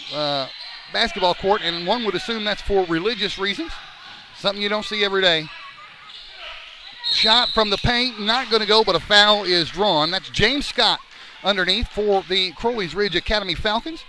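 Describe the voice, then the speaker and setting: Over clear gym noise and a bouncing ball, a man calls live basketball play-by-play from courtside. His voice sits high, and he sounds slightly winded. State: a little out of breath. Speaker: play-by-play sports commentator. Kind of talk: live basketball radio-style commentary. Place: courtside in a school gym during a game. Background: basketball bouncing and game noise.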